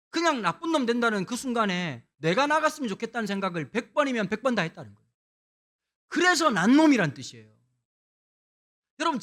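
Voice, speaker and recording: A middle-aged man from Busan, preaching a lively revival sermon with humorous storytelling, swinging between hushed and loud. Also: extremely high pitch. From Busan, South Korea. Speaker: guest pastor.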